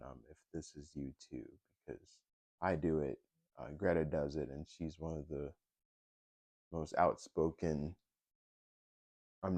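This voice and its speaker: Hesitant deep-voiced young man, dry sound. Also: warm tone, no echo. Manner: hesitant, many fillers and restarts. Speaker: vlogger. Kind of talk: casual personal vlog.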